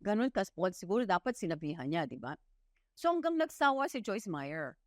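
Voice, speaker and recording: Lively Filipino woman preaching a sermon. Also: mid-range voice, fairly quick, no echo, clean studio sound. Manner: lively storytelling, mixing English into Filipino, quizzing the audience.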